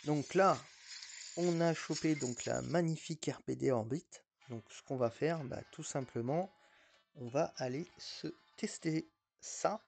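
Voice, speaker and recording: A man's voice: fairly high pitch, unhurried, gravelly. A man giving casual, rambling gameplay commentary as a mobile gaming YouTuber, with frequent hesitations and restarts.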